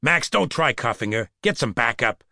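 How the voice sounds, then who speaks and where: A blunt, wary cop grumbles in short, terse lines, as an audiobook narrator plays him. His voice stays lively in pitch and sounds dry and close. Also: normal speed, gravelly, no room sound, exaggerated voice. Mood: grumbling. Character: wary, blunt male police partner. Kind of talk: audiobook character voice.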